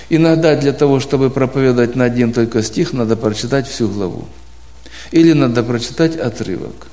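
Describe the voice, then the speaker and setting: Speaking at a medium pitch in a warm tone, this preaching instructor addresses church brothers at a congregation abroad in a relaxed way. He works through each point patiently, drawing on everyday examples and asking questions.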